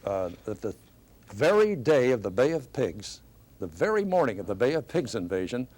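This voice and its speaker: An older American man, a longtime radio broadcaster, swaps casual stories from his years on the air during a panel chat. His medium-pitched voice is sing-song and a little mellow, moving at a normal speed.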